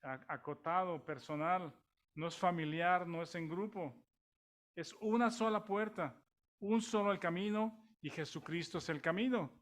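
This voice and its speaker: A man's voice: sits high, a little slow. A man with a Mexican accent preaching a sermon in a conversational way, with many restarts and rhetorical questions to the congregation.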